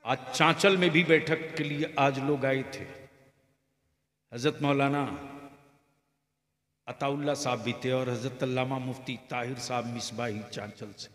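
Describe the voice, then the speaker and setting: Male preacher, measured delivery with shouted climaxes, bright tone, long hall reverb. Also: mid-range voice. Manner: builds from calm talk to loud shouted climaxes. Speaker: Islamic preacher. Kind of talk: public religious speech.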